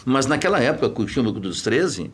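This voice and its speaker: Brief: man, club-director type, animated and emphatic, middle pitch. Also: normal speed, slightly rough. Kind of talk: talk show debate.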